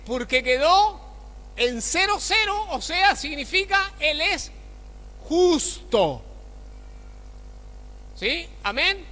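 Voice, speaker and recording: A high-voiced male pastor preaches in a lively, sharp tone. He keeps asking his congregation rhetorical questions, and his voice rings through a church hall with long reverb. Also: extremely slow, pauses often. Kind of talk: sermon.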